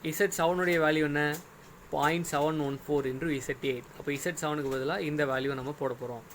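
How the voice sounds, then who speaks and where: Guy teaching an engineering class step by step, words, bit high voiced, faint hum. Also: steady tone, fairly quick, a bit bright. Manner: patient, step-by-step, often checks "okay?". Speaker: engineering lecturer. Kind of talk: recorded classroom lecture.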